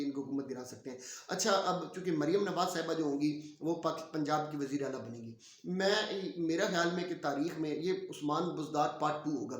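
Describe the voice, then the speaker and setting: A man delivers political commentary in an opinionated, forceful way, filling pauses with hesitation sounds. His voice sits a little high for a man. The recording is roomy and echoey. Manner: opinionated, emphatic, with frequent filler sounds. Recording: roomy echo.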